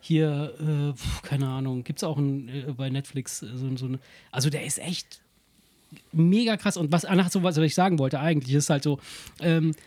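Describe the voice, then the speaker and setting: A man's voice: fairly high pitch, steady tone, normal speed, a little mellow. A man co-hosting a podcast in casual chat, rambling with many fillers and restarts, swearing casually. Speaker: podcast co-host.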